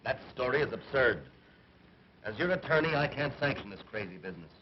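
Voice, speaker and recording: An actor playing a scheming male attorney in an early 1930s talkie film, speaking in a measured, stern way. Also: medium pitch, big pitch swings. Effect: early 1930s talkie film soundtrack. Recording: muffled, faintly hissy 1930s film sound.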